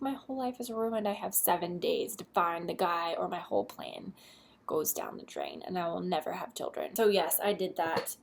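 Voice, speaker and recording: A chatty woman in her twenties giving candid advice in a casual vlog. She talks at an easy, mid-range pitch and now and then drops to a whisper for an aside. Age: 20s. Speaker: vlogger.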